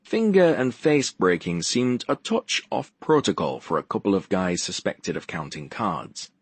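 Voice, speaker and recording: A man's voice: sits low, sing-song, a little slow, husky, no echo. A man narrating a first-person audiobook with a wry, dry wit.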